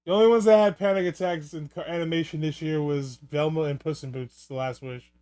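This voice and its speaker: A man's voice: on the high side, steady tone, brisk, a little mellow. A man giving casual, rambling and joking film commentary, with some swearing. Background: film soundtrack music.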